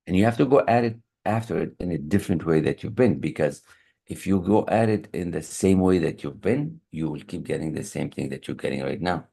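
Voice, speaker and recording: In an online meeting room, a male high performance coach speaks fairly quickly in a deep, gravelly, mellow voice with a breathy edge, captured by a computer mic on a video call. The motivational lesson is earnest, with repeated key phrases and restarted sentences.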